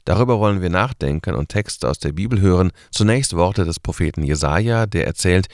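A man's voice: low-pitched, animated, a little fast, no room sound, clean studio sound. A man hosting a short radio church service and giving a sermon, talking conversationally with rhetorical questions.

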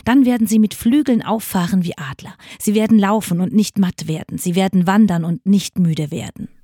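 A woman reading Bible passages aloud in a radio church service, measured and expressive. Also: medium pitch, dry recording, clean studio sound. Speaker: scripture reader.

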